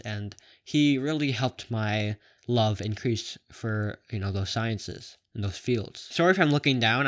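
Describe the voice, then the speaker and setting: A man's voice: medium pitch, a bit bright. A young man from Canada talking casually to camera, with a lisp and whistling s, rambling and often correcting himself. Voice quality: lisp with whistling s from plastic braces. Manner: rambling, halting, self-correcting. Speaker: video blogger.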